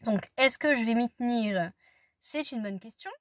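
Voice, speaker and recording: A woman's voice: on the high side, moderate pace, no room sound. Chatty young woman vlogging. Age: 20s. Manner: chatty, rambling, apologetic asides. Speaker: student vlogger. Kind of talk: casual vlog chat to camera.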